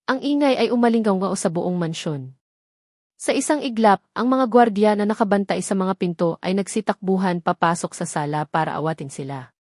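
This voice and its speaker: A woman with a Filipino accent reads a scripted, dramatic story as a storyteller. Her mid-range voice has a darkish tone, and the studio recording is clean with no echo.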